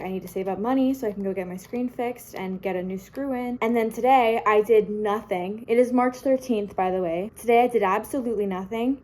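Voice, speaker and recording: A woman's voice: mid-range voice, mellow. Upset young woman venting into a phone video. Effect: recorded as a phone video. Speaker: vlogger. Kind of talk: casual vlog talk to camera. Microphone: phone camera.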